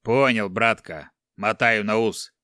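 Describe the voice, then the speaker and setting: Man voicing a gruff, mocking giant barbarian. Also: lowish voice, no echo, studio quality. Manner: slow, loud, folksy mockery.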